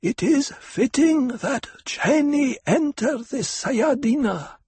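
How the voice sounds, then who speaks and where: A man voicing an ancient, frail but commanding woman priestess, with a harsh whispered voice and slow, solemn ritual intoning in an audiobook. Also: very high voice, lively intonation, darkish tone, husky, dry recording, voice pushed up, full character voice. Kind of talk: audiobook character voice.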